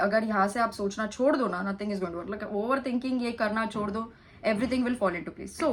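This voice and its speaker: Earnest woman vlogger, slow, high voice. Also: fairly bright tone, low-quality recording. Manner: earnest and confiding, mixing Hindi and English; talks of speaking fast for storage, in quick bursts. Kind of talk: casual storytime vlog.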